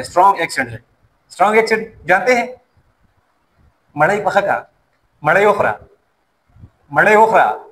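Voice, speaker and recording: The recording is low in quality, carrying a man's fairly high, slightly bright voice. He's a safety course instructor lecturing in a classroom, a native Pashto speaker from the Pashto-speaking part of Pakistan, and he explains by asking and then answering his own questions.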